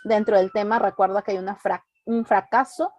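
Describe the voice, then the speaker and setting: A woman with a Latin American Spanish accent teaching an exam-prep literature lesson, checking understanding with frequent tag questions and slowing down to stress key terms. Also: medium pitch, steady tone, darkish tone, no room sound.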